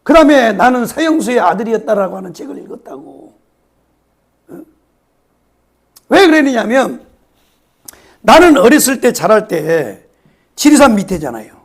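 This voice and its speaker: A hoarse man preaches a sermon in a gravelly, raspy voice. He repeats phrases for emphasis and at times sinks to a whisper. His pitch sits high and swings widely. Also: big pitch swings, normal speed, pauses often. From South Korea, Yeosu-Suncheon area. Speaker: pastor.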